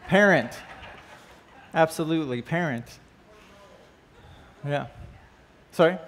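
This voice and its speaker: A man with a slightly high, fairly bright voice speaks slowly, and the recording carries a little hiss or hum. He's teaching a church class that opens with prayer, on an indoor church stage with band gear. His delivery is conversational, full of questions for the class and frequent "uh" and "right?"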